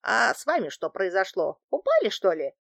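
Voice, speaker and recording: A woman reader voicing a small, impatient old man with a hoarse, cracked, high voice and a gruff, curt way of talking. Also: huge pitch swings, normal speed, fairly bright tone, no echo, full character voice.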